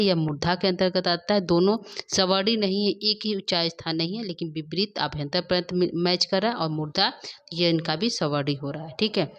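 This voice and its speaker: A woman's voice: fairly low pitch, muffled recording, slight background noise. A woman teaching a Sanskrit grammar lesson online, explaining step by step and often asking and answering her own questions.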